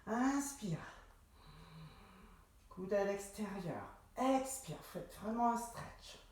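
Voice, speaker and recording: Female Pilates teacher, calm and measured cueing, heavy room echo. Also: mid-range voice. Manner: calm, unhurried cueing with breathing prompts. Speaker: Pilates instructor. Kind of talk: guided exercise class instruction. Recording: very echoey room.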